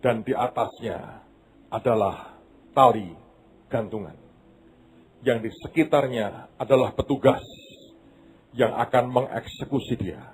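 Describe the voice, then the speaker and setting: A male pastor telling a story in a sermon, dramatic and swinging between loud and hushed delivery. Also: medium pitch, measured pace, long pauses, slight background noise.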